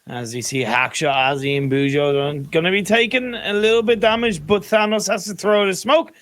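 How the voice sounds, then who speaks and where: High-voiced male esports caster. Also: moderate pace, a bit bright. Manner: analytical, conversational, tactical advice. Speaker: esports commentator. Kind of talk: live esports commentary.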